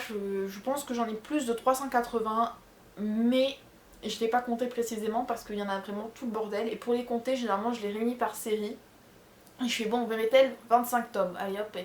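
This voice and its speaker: Her voice is a little high, the audio roomy with slight background noise. This young French vlogger, accented from the Charente region, answers viewer questions in a casual chat at home in her bedroom, rambling along with lots of fillers and correcting herself.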